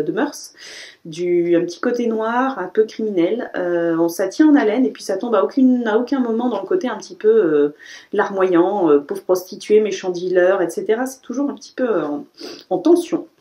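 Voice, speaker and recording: A woman chatting casually as she reviews a haul of new books, correcting herself often and filling pauses with "euh". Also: mid-range voice, warm tone. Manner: chatty, self-correcting, frequent "euh" fillers. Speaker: book vlogger.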